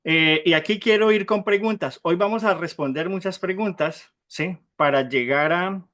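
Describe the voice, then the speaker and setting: A man teaches a Bible class and keeps turning to his students with questions, checking they follow along. He spells out Hebrew terms slowly for them. His voice sits a little high. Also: a bit bright. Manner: questions the class often, tag "¿sí?".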